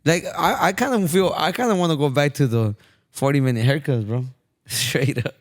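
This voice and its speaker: A man hosting a podcast in casual chat, talking quickly and saying bro a lot. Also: on the high side. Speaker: podcast host.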